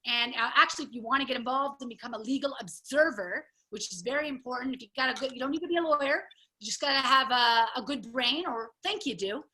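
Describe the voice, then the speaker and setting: A woman's voice: sits high, fast, pushed and bright. A woman hosting a comedy show over a video call, loose and chatty, cursing casually. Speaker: show host.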